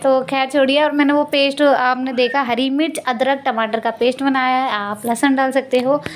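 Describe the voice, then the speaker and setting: This is a woman with a fairly high voice, walking viewers through a home cooking vlog from her kitchen. She talks in an easy, chatty way, often chuckling and laughing at her own slips of the tongue. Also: steady tone, normal speed. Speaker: vlogger.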